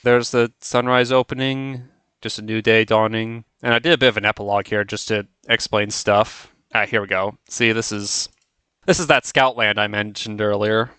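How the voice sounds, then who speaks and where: A man's voice: lowish voice, fairly even intonation, moderate pace, a bit bright, smooth, dry recording. A man giving casual, offhand, rambling commentary as a video creator looking back on his own work.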